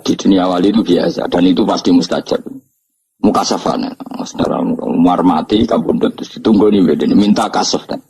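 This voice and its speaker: Husky Javanese-accented man preaching. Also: steady tone, fairly quick, mellow, low-quality recording. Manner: humorous storytelling, acts out quotes with raised pitch. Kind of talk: religious lecture.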